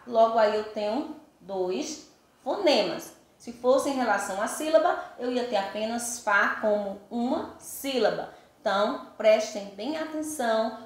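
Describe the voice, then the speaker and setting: A woman's voice: fairly high pitch, a bit bright. A Brazilian woman teacher giving a recorded school lesson, patiently spelling out letters and counting sounds aloud, often checking "right?" with her pupils. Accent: Brazilian Portuguese. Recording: very echoey room.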